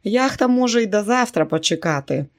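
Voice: medium pitch, lively intonation, a little fast, pitched above the performer's own voice, lightly acted. A reader voicing a controlling, scheming rich matriarch in an audiobook, speaking dryly and politely. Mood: gracious. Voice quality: dry, pointed. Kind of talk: audiobook character reading.

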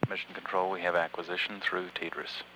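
Very deep, flat male mission announcer. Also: background noise. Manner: measured, matter-of-fact, halting at times. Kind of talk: public affairs mission commentary.

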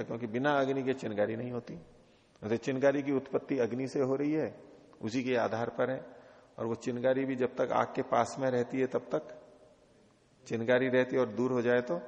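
A man teaching a Vedanta text, reading Sanskrit slowly and explaining it in simple Hindi, asking his students questions. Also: mid-range voice, gravelly. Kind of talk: scriptural lecture. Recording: dull audio with long hall reverb.

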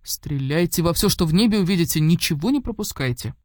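A woman's voice: lowish voice, animated, a little fast, darkish tone, no room sound, clean studio sound, close to an everyday voice. A woman reading an audiobook, voicing a grief-stricken old man who dotes on his foster daughter and pleads through tears. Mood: boastful. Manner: pleading, tearful.

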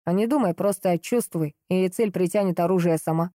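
A woman's voice: on the low side, fairly quick, mellow, no echo, clean studio sound, close to an everyday voice. A woman narrator voicing a tense young man who speaks in clipped commands. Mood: low, coaxing.

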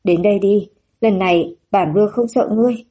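A woman's voice: mid-range voice, fairly quick, dark tone, slightly rough, natural voice. A woman narrator voicing the inner thoughts of a proud young man who was once a prince, steeling himself. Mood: determined. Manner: self-assuring inner thoughts.

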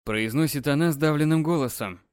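A man's voice: fairly high pitch, brisk, a little mellow, smooth, no echo. Male audiobook narrator, dry close sound.

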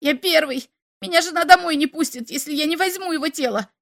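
A woman's voice: high-pitched, a little fast, fairly bright tone, no echo, studio quality, pitched above the performer's own voice. A woman voicing a frantic pleading little alien man.

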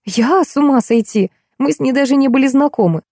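A woman doing a jittery young actress, high and whiny, in an audiobook. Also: fairly quick, dark tone, no room sound, studio quality. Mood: evasive. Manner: whiny, fluttery, mumbling. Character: flighty, frightened young actress on the run.

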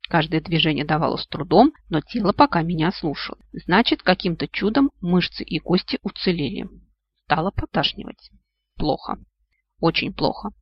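An audiobook reader narrates a first-person fantasy story with lively delivery, lifting the voice for exclamations. The recording sounds muffled and dull, with no room echo at all. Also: mid-range voice, breathy edge. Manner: lively, exclaims in the heroine's quoted lines.

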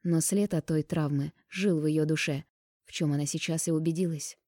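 A woman reads a novel aloud in a calm, even narration. Her voice sits low with a warm, mellow tone, and the sound is close and dry. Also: normal speed, dry recording. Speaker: audiobook narrator. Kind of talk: scripted narration of a romance novel.

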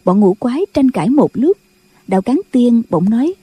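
Female audiobook narrator, dark husky voice, steady delivery. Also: a little high, normal speed, no echo. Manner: steady storytelling. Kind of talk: scripted novel narration.

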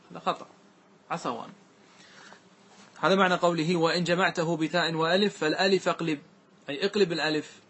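A man teaching a grammar class, who questions his students often and repeats key points. He recites verse lines slowly and draws them out. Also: on the high side, a bit bright, a little hiss or hum. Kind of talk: classroom lesson.

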